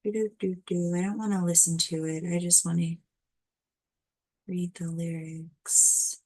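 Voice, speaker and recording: A woman chatting casually to her channel, keeping quiet as if others are asleep nearby, rambling and trailing off mid-thought. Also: lowish voice, little pitch movement, unhurried. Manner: quiet, hushed talk so as not to wake people napping nearby. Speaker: channel host doing card readings. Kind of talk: casual chat.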